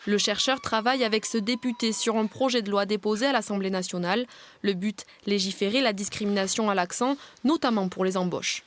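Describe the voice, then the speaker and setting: A woman's voice: medium pitch, a little fast. A woman reading scripted narration as a television news reporter.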